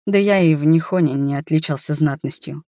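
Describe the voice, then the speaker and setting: A woman voicing a gentle, shy wanderer man who talks softly and tenderly to his beloved in an audiobook. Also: on the high side, a little fast, dry recording, clean studio sound, pitched below the performer's own voice, lightly acted. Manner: soft, tender and reassuring. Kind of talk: audiobook character voice.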